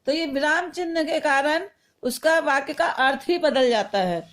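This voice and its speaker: A woman teacher giving a patient grammar lesson to young children, explaining each point slowly through example sentences. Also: high voice.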